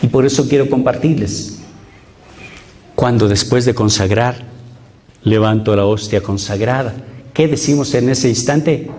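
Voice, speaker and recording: A man's voice: mid-range voice, a little slow, pauses often, a little mellow. A middle-aged man preaching as a priest, emphatic, repeating phrases and putting questions to the congregation. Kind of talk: sermon.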